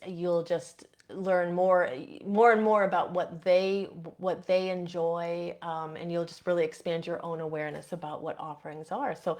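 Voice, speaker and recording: A woman with a Midwestern accent touched by years in Boston, hosting a casual live stream and reading out viewers' comments. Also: on the low side. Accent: Midwestern with a Boston influence. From Indiana. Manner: chatty, warm, reads out viewer comments, many fillers. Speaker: podcast host.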